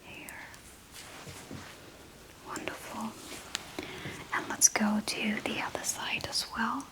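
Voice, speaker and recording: A woman doing a soft, breathy whispered role-play, murmuring short step-by-step phrases as an ASMR host. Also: on the high side, little pitch movement. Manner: unhurried, narrating each small hand movement in short phrases.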